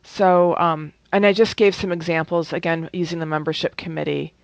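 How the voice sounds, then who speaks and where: A woman's voice: fairly low pitch, fairly even intonation, normal speed, creaky, dry recording. A woman presenting a training workshop in a conversational way, with many fillers and restarts. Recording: dull, dry lo-fi recording.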